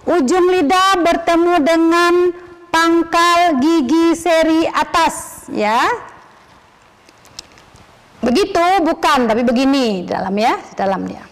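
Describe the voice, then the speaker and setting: Woman, high voice, Quran pronunciation teacher, slow patient drilling of syllables, reverberant hall. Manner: patient, repeats syllables slowly for students to copy. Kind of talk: online pronunciation lesson.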